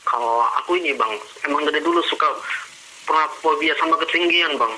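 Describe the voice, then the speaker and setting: A man's voice: fairly high pitch, fairly quick, noisy background. A man casually telling the hosts earnest stories about his fears and calling them "Bang" all the time.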